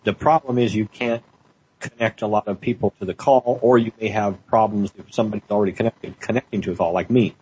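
A man chatting casually on a radio show over an internet call, rambling and halting with many restarts, his voice heavily compressed and pumping. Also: fairly low pitch, steady tone, a little mellow. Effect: heavily compressed, pumping call audio. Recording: dull, muffled call line with faint noise.

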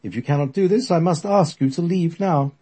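A man voicing an elderly woman medium who speaks in a loud, authoritative voice. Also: on the high side, a little hiss or hum, voice pushed up, natural voice. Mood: commanding. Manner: commanding, calls out long drawn-out.

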